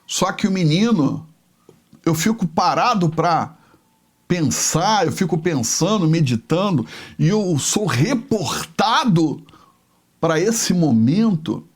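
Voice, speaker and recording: A man's voice: fairly high pitch, very animated, husky. A man, a bishop, preaching a sermon as a dramatic, emotional retelling of a story. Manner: emotional, slow, dwelling on each phrase.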